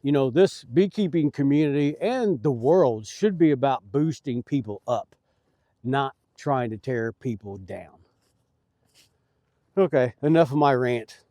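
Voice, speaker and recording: A man's voice: medium pitch, expressive, a little slow, dark tone, no echo. Middle-aged bee guy rambling folksy and earnest outside by his hives, dry sound. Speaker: beekeeper. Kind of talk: casual vlog talk. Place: outdoors at beehives.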